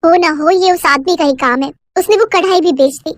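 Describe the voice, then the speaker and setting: A woman's voice: very high voice, fairly quick, no room sound. Woman voicing a worried poor mother. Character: poor hardworking mother, adult woman, worn down.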